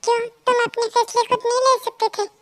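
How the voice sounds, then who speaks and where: A jealous young girlfriend in a fan audio story, hurt and demanding, as a woman reads her. The voice is extremely high and runs quickly. She scolds in a reproachful way. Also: completely flat delivery, no room sound.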